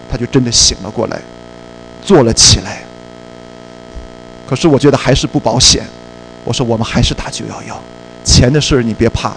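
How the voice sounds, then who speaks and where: A male preacher telling a personal story in a sermon, in a lively storytelling way and slipping English words into his speech. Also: mid-range voice, vocal fry, rough recording.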